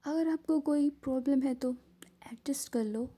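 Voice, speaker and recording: A woman voicing a self-assured young female billionaire with a sharp, dismissive way of talking. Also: high-pitched, unhurried.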